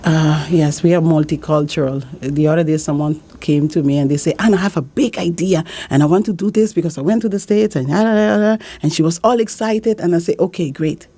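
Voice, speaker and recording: A business support consultant from Saint Martin in the Caribbean answers interview questions, her Dutch accent clear in a deep, dark-toned voice. She talks quickly with hardly any pauses, earnestly offering advice and repeating her key points.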